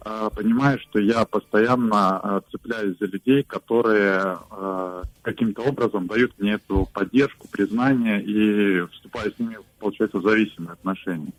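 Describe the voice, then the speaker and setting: A man in his late twenties calling a radio show, speaking hesitantly with many pauses. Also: on the low side, poor audio. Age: late 20s. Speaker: caller. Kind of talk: phone-in question.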